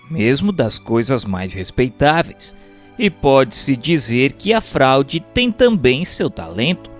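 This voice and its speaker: In a formal, measured and rhetorical style much like scripted audiobook narration, a man reads a book aloud at medium pitch.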